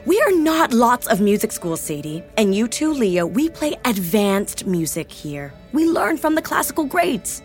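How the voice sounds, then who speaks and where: A proud, strict music teacher. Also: female voice, on the high side, very animated, measured pace, hardly any pauses. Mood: firm. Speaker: music teacher and shop owner. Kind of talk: audio drama acting.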